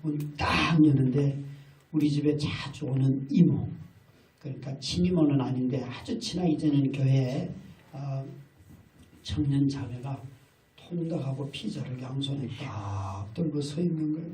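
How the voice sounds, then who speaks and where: A man's voice: medium pitch, measured pace, warm tone. A middle-aged male pastor preaching a sermon, telling stories and acting out family dialogue. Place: large hall at a retreat. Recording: echoey hall from far off with faint noise.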